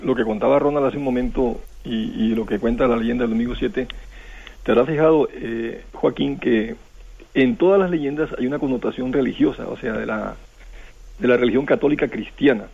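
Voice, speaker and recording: A Costa Rican man with a gravelly, husky voice tells a folk tale at an unhurried, meandering pace. He keeps adding questioning tags and starting sentences over. His voice comes through a thin, tinny phone line. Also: mid-range voice, darkish tone. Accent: Costa Rican Spanish. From Costa Rica. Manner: rambling, with frequent questioning tags and restarts. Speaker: guest storyteller. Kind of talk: relaxed radio storytelling.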